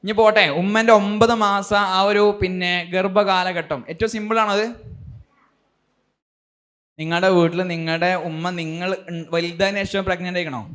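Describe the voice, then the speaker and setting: A man giving a motivational talk to a school audience, asking them many questions in an animated, emphatic way. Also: high-pitched. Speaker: speaker addressing students.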